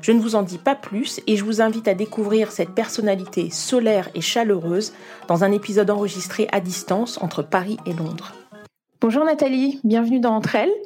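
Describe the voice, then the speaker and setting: A woman's voice: mid-range voice, normal speed, a little mellow, soft background music. A woman hosting a podcast, introducing her guest and asking open, friendly questions. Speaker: podcast host.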